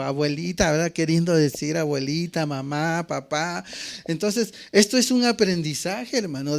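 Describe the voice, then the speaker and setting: Older male pastor, Mexican accent, slightly high, smooth and clear, repetitive call-and-response preaching. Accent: Mexican Spanish. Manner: peppers phrases with questioning "¿verdad?". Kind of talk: sermon.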